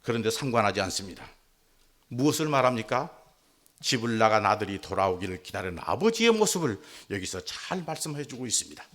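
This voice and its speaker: A male pastor preaching a sermon in an animated way. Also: on the low side, brisk. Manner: animated, acts out quotes.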